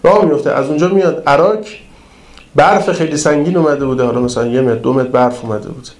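A man preaching to pilgrims, telling a story in a lively, colloquial way. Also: fairly high pitch, reverberant. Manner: colloquial, lively retelling of an anecdote. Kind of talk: storytelling sermon in casual speech.

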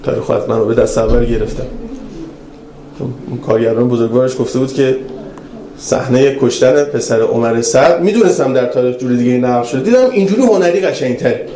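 A man preaching a religious lecture, telling stories in an animated way that swings between raised and hushed passages. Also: mid-range voice. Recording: roomy hall with faint ambience.

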